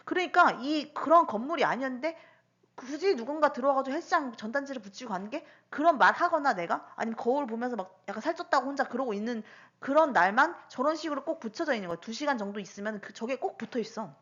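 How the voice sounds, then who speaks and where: A woman's voice: high-pitched, fast. A woman in her thirties casually recounting personal incidents in a monologue, full of rhetorical questions. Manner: animated, lots of rhetorical questions and fillers. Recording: dull lo-fi recording.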